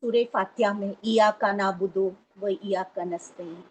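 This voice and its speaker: Lady student answering the teacher, normal pitch, kinda distant. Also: fairly even intonation, moderate pace. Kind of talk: answering in class.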